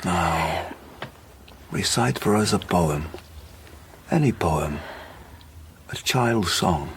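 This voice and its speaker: An actor playing a grave, commanding older professor of medicine in a radio drama, with formal, foreign-sounding phrasing. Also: male voice, low voice, lively intonation, extremely slow, a little hiss or hum, exaggerated voice. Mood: calm, instructing.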